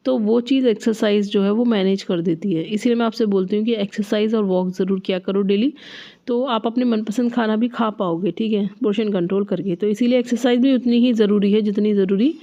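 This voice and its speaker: Stuffy and altered by a cold, a woman gives diet tips in a chatty, casual vlog, dropping in tag questions frequently. Her medium-pitched voice is mellow and a little fast, captured in dull audio.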